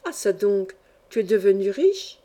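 A woman's voice: mid-range voice, expressive, unhurried, warm tone, close to an everyday voice. A woman voicing an older peasant foster mother in a storybook reading, tender, exclamatory and easily moved. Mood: delighted. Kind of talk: audiobook character reading.

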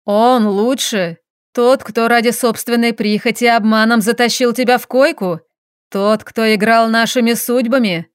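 A woman's voice: a little high, steady tone, clear, resonant tone, dry recording, clean studio sound, close to an everyday voice. A woman doing a bitter, mocking estranged husband. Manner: mocking, measured, spits words out.

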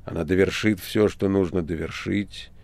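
Мужчина озвучивает надменного древнего князя тьмы — медленно, презрительно и размеренно, в аудиокниге. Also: male voice, low voice, steady tone, darkish tone, no echo. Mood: measured. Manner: slow, scornful, measured. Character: haughty ancient male prince of darkness. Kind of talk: audiobook reading.

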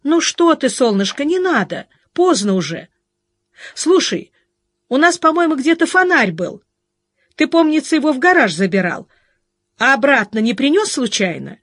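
A woman's voice: high-pitched, very animated, normal speed, a bit bright, no room sound, studio quality, voice pushed up. A woman voicing a young wife who is hurt but joking playfully with her husband, in an audiobook. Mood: plaintive. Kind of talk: audiobook character reading.

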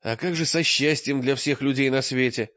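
A man's voice: mid-range voice, moderate pace, a bit bright, no echo, close to an everyday voice. A man voicing an anxious, earnest young wise man who asks worried questions, recorded with a dull lo-fi sound.

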